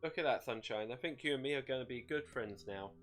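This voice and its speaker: A man's voice: mid-range voice, fast, fairly bright tone, faint music behind, natural voice. A man voicing a gleeful, bloodthirsty demon shade, mocking and wheedling in folksy slang as in a dramatic story. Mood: cheerful.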